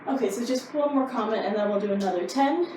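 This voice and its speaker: A woman's voice: fairly high pitch, quick pace. A woman karate instructor explaining techniques in a casual, easygoing, informal way. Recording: roomy echo, distant mic, faint noise.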